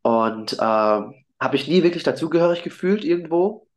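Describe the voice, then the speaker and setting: A man's voice: on the high side, animated, normal speed. A German-born man, a singer, talking earnestly and hesitantly in a casual interview, with many fillers and restarts, heard over a video call.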